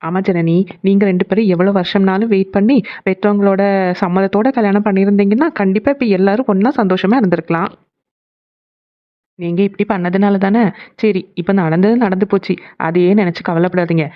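A woman voicing a calm, advising cartoon aunt. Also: mid-range voice, fairly quick, close to an everyday voice. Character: sensible aunt, gently advising. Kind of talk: animated cartoon voice acting. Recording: dull lo-fi sound.

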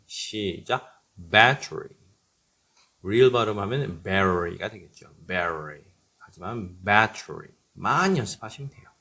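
A man teaching English pronunciation, modeling each word and cueing listeners to repeat it, calm and encouraging. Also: lowish voice, vocal fry. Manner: models each word slowly, then cues learners to repeat. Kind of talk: pronunciation drill lesson.

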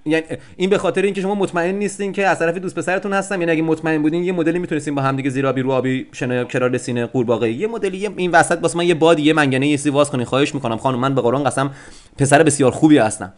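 A man's voice: on the high side, few pauses. A man improvising a comic phone prank, rambling and stammering in a mock-polite way. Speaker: prank caller.

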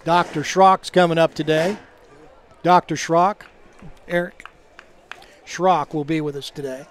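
A man doing live football play-by-play commentary in a halting, conversational way. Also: fairly high pitch, steady tone. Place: outdoor college football game. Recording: crowd noise behind, outdoor stadium. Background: game crowd.

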